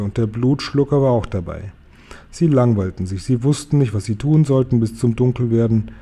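A man reading a children's book aloud, steady and expressive. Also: medium pitch, husky. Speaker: audiobook narrator.

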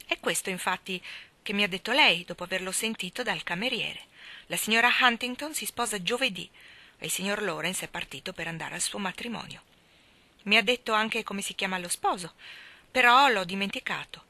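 Woman reading a stiff proud young gentleman, clipped and tense, dry close sound. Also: medium pitch, a little fast, no room sound. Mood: bitter.

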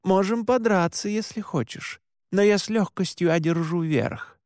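A man voices a cold, mocking younger brother, pitching his natural voice above his own usual register into a high range. He speaks at a moderate pace with a darkish tone, and the recording is dry with clean studio sound.

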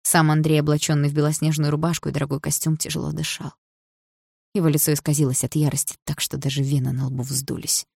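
A woman narrating a novel in first person, steady and quietly emotional. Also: low-pitched, creaky, slightly rough, no room sound, studio quality. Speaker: audiobook narrator.

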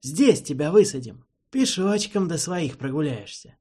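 A man's voice: a little high, lively intonation, measured pace, a little mellow, husky, pitched above the performer's own voice. A man voicing a brusque, mocking young airship crewman in an audiobook. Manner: curt, mocking. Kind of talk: audiobook character voice.

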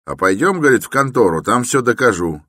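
A man's voice: mid-range voice, sing-song, fast, fairly bright tone, no echo, studio quality, voice pushed up. A man voicing a chatty common male workman in a narrated story, rambling in colloquial speech. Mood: gossiping.

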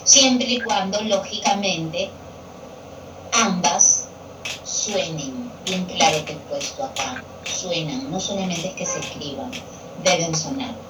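A woman's voice: lowish voice, slow pace, distant mic. Woman teacher explaining grammar from afar. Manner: patient, repeats key terms for students. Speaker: Spanish language teacher. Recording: echoey room picked up from afar with television noise.

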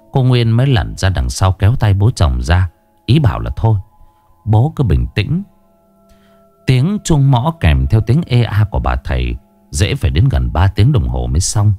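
A man with a fairly low voice narrates a ghost story. His pitch rises and falls expressively as he tells it, and faint music plays underneath. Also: dark tone. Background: faint background music.

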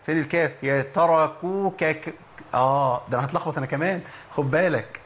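A man with an Egyptian accent teaching Quran recitation in a lively lesson, quizzing listeners and slowly sounding out letters. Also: on the high side. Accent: Egyptian Arabic. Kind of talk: spoken tajweed lesson.

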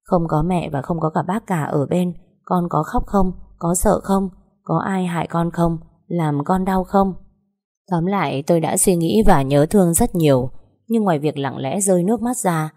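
Casting: woman audiobook narrator, low-pitched, measured and sorrowful first-person telling. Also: mellow.

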